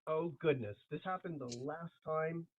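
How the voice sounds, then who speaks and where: A man's voice: on the high side, unhurried, no echo. A man, a lawyer for an applicant, speaking formally and courteously at a hearing, his voice muffled as if from inside a closet. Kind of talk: formal presentation at a public hearing. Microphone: remote call audio. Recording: muffled thin phone-like remote call.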